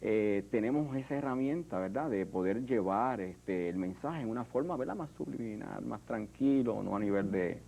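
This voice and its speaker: A Puerto Rican sculptor in an interview, speaking in a reflective, hesitant way with many fillers and restarts. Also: male voice, fairly low pitch, lively intonation, normal speed, gravelly, few pauses, dark tone, slight background noise, low-quality recording. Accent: Puerto Rican Spanish. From Puerto Rico. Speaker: artist, sculptor. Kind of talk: interview conversation.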